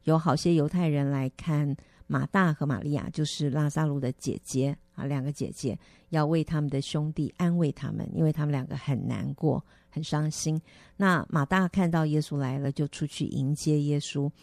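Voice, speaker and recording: Low, gravelly woman reading scripture. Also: normal speed, no echo. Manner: gentle, earnest, with soft hesitations. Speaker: guest counselor.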